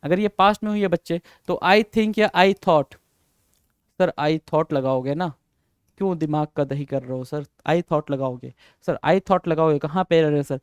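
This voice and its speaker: Guy teaching grammar, kinda high voice, clear and dry, repeats stuff a lot. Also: no echo. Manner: mixes Hindi and English, calls students "beta" and "sir", repeats himself. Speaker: English teacher. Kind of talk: Hindi-English grammar lesson.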